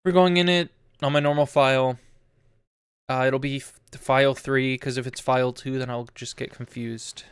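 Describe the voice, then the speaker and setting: A man streaming a video game, chatting in a rambling way full of "like" and restarts, getting loud and excited in bursts. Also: medium pitch, normal speed, smooth, no echo, studio quality. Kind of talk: casual live-stream chatter while gaming. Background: game music.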